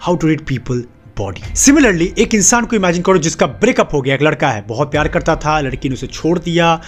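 A man's voice: on the high side, lively intonation, moderate pace. A young man giving an emphatic motivational monologue to camera, stacking up short repeated phrases. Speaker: self-help video host.

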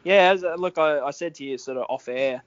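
An Australian man chatting casually about sport as a guest injury analyst, in an informal, halting way that often restarts mid-sentence. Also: on the high side, no room sound, dull audio. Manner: informal, halting, self-interrupting. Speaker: injury analyst guest on a rugby league show.

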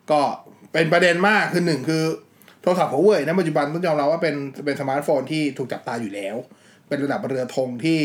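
A man hosting a casual tech podcast, chatty and joking, swearing freely among friends. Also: on the high side. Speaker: podcast host.

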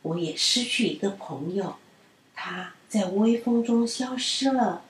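A woman voicing a kindly male bird in a children's story, speaking softly and warmly. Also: medium pitch, expressive, measured pace, echoey room, far from the mic, lightly acted, poor audio. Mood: gentle. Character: gentle gray male bird turned goose.

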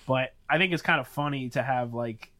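A man's voice: medium pitch, moderate pace, bright, forceful tone. A man hosting a casual podcast chat, laughing often and swearing casually as he walks through episodes. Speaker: podcast host.

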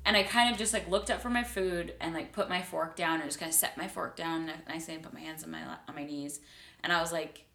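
A woman's voice: low-pitched, quick pace, creaky, distant mic. A young woman co-hosting a casual chat, telling stories animatedly. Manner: animated storyteller, acts out quoted people. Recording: echoey room.

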